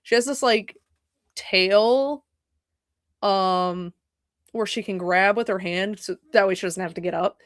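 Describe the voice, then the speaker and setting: A young woman talks to her stream audience from a home setup in a loose, meandering way. She curses often and keeps cutting herself off with little apologies. Her voice sits at an ordinary pitch and is heard on a dry, close microphone with no room sound. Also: unhurried, pauses often, dry recording. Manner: rambling, profane, self-interrupting, apologetic asides. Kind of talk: casual livestream chat.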